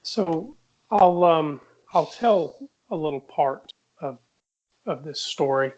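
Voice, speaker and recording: A man's voice: on the high side, animated, slow pace, a little mellow. A man in his fifties, a podcast host telling a personal story in a reflective way. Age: 50s. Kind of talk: casual podcast discussion. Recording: muffled lo-fi audio.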